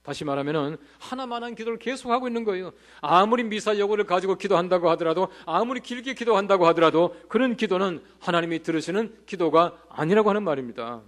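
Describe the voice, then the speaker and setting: A man's voice: high voice, lively intonation, fast talker, hardly any pauses. A male pastor preaching a revival sermon in a church, telling funny anecdotes and asking the congregation rhetorical questions.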